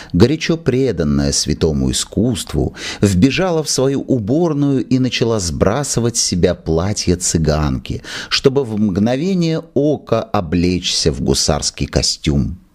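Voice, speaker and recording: A man reading a classic short story aloud as narrator, slowly and expressively. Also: sits low, a little mellow.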